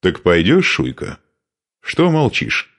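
A man's voice: deep voice, huge pitch swings, takes it slowly, a bit bright, exaggerated voice. A man voicing a boastful young male steppe horseman who teases his comrades. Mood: teasing. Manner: cocky, teasing.

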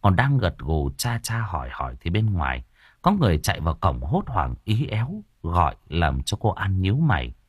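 A man narrating an audiobook story in a lively, expressive storytelling style. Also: low-pitched, normal speed, slightly rough, dry recording, studio quality.

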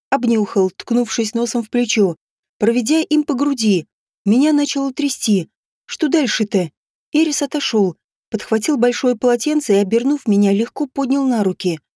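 A woman narrating a first-person audiobook in a steady, measured reading with quiet emotion, close to the mic. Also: a little high, no room sound.

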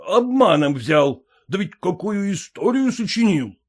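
A man's voice: high voice, big pitch swings, measured pace, voice pushed up, exaggerated voice. A man doing a blustering, outraged father. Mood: indignant outrage. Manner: exclamatory, shouting in outrage. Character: irate middle-aged father, blustering and indignant.

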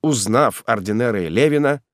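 A man narrating a classic novel in an expressive storytelling manner, close to the mic. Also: mid-range voice, fairly quick, dry recording. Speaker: audiobook narrator. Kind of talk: scripted narration.

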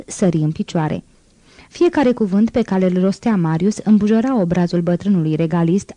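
Woman audiobook reader: low, mellow, dry close sound, measured delivery. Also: no room sound. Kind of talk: audiobook narration.

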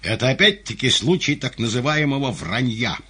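A man's voice: medium pitch, expressive, moderate pace, pushed and bright, slightly rough, pitched above the performer's own voice. A man voicing a mocking conjurer's assistant with a bleating goat-like tenor in a theatrical, jeering manner. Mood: mocking showman.

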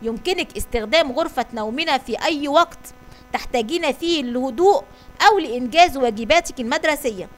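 A woman's voice: high voice, animated, fast talker, soft background music. A woman reading the lines of a kind, patient mother in a children's story, tender and wise.

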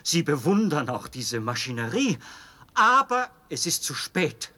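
Playing a fanatically devoted officer in a German radio drama, the actor pitches his husky male voice fairly high, sing-song and sharp, and speaks a little slowly. The performance is heavily acted, with insistent, theatrical persuasion and an agitated, desperate mood.

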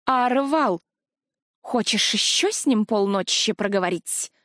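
A woman's voice: mid-range voice, lively intonation, unhurried, fairly bright tone, no room sound, studio quality. A woman voicing a fussy ghost dragoness. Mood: strict. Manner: strict then doting, scolding. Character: fussy motherly ghostly dragoness guardian, female.

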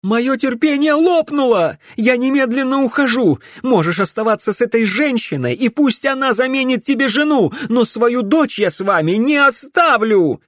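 A desperate noblewoman hurls her protests in a high, piercing voice, as a male narrator puts her on. The sound is close and dry. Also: expressive, moderate pace, few pauses, no room sound. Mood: shrill. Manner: shrill, indignant shouting. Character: distraught noblewoman, a mother, shrill and defiant.

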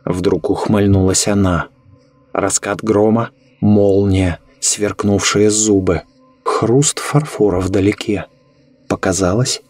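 A man narrating a horror story in a measured, ominous way. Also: lowish voice, fairly even intonation, a little mellow, no echo.

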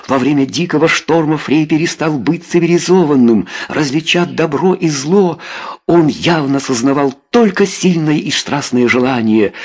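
Husky-voiced man reading a romance novel. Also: on the high side. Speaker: audiobook reader. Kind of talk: scripted narration.

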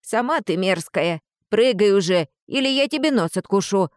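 A woman's voice: mid-range voice, animated, unhurried, dry recording, studio quality, lightly acted. Woman voicing Tirion, a haughty hissing lizard. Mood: urgent. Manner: hissing, condescending. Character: haughty male lizard guardian spirit, small, prickly.

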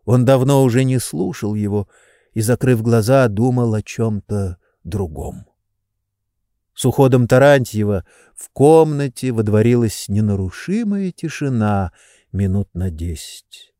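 A man reading a classic novel aloud as an audiobook narrator, in measured, expressive storytelling. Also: medium pitch, no room sound, clean studio sound. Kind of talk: scripted literary narration.

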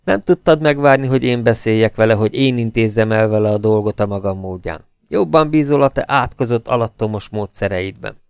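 A man's voice: on the low side, lively intonation, clear, resonant tone, no room sound, studio quality. A man voicing a bitter, angry man who speaks curtly and harshly. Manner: curt, harsh delivery. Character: bitter, angry middle-aged man, curt and cold.

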